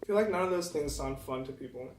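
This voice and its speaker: A young man with a fairly high voice answers questions between bites of food, humming "mm" as he thinks. He sounds a little distant from the mic, in an echoey room with faint background noise. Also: expressive, fast talker. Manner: eats while talking, hums "mm" between thoughts. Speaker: vlog host answering questions. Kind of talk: casual chat while eating. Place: indoors at a meal.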